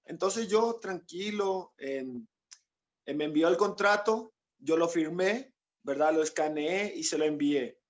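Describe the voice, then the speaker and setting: This Paraguayan footballer sounds animated, with a fairly high voice at a measured pace, though the audio is dull. Interviewed as a guest, he recounts his story in long, rambling stretches, quoting others and using lots of "¿no?" tags.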